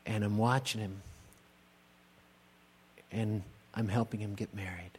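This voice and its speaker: A middle-aged man, a pastor, preaching a sermon in a church, slow and emphatic, building on repeated rhetorical questions. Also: lowish voice, steady tone, darkish tone, slight background noise. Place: church sanctuary. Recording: long church-hall reverb.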